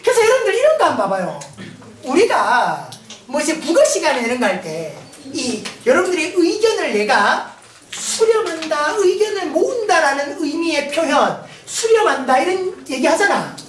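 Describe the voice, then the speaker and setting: A woman's voice: sits high, very animated, normal speed. A woman with a Gyeongsang Korean accent teaching a math lecture, playful and often laughing as she questions the class. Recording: roomy, distant mic, noisy.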